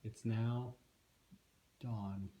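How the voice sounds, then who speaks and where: A man's voice: lowish voice, fairly even intonation, very slow, lo-fi sound. A man casually narrating a tabletop fantasy game as game master. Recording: echoey room, faint background noise.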